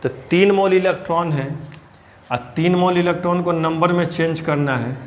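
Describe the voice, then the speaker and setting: A man teaching chemistry, explaining step by step, addressing students as children and reading English terms slowly. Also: on the high side. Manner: reads English question lines slowly and deliberately. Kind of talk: blackboard lecture.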